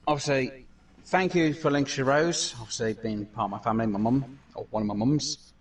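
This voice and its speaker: A man's voice: medium pitch, fairly quick, slightly rough, distant mic. A man hosting a casual gameplay commentary, talking in a rambling way with many fillers and restarts. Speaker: gaming channel host.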